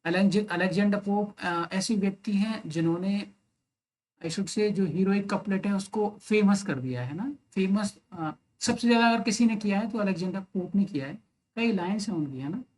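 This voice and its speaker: A man's voice: sits high, normal speed, a little mellow. A man teaching English literature in an exam-prep lecture, explaining step by step and mixing Hindi with English terms. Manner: explains step by step, often adds the tag "है ना".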